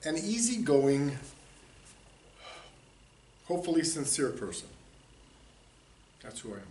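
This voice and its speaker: A man's voice: a little high, very animated, takes it slowly, a little mellow. Easygoing man in his sixties, distant roomy sound. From United States. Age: 60s. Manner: easygoing, rambling, with chuckles. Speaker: interviewee, community theater director. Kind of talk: casual interview talk. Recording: roomy echo, distant mic, faint hiss.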